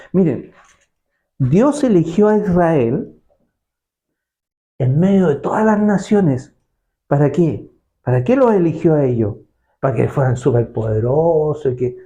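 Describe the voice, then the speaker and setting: A male preacher delivers a sermon in a dark, mellow voice. He repeats himself, asks rhetorical questions and keeps checking with his listeners. The recording sounds dull and lo-fi. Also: on the high side.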